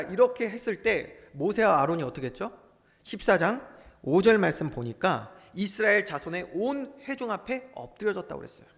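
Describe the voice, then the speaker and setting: A male pastor preaching a sermon with passion, swinging from loud bursts to hushed asides. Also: high-pitched, long reverb tail.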